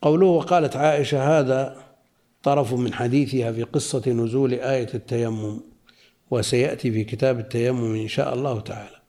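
Male religious teacher, warm low-key voice, measured reading with everyday explanations. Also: steady tone. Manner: slow, deliberate reading with spoken asides. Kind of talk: reading and explaining a classical text.

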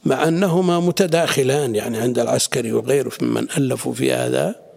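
Middle-aged sheikh, explanatory classroom teacher, gravelly with a rough husky edge. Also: male voice, medium pitch, fast talker. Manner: explanatory, questions students, quiet asides. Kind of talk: classroom lesson explaining a text.

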